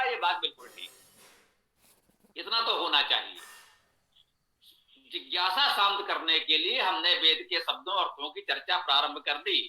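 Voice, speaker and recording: A man teaching a Sanskrit pronunciation lesson, explaining slowly and patiently with much repetition. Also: sits high, pushed and bright, roomy sound, low-quality recording. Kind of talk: online lesson lecture.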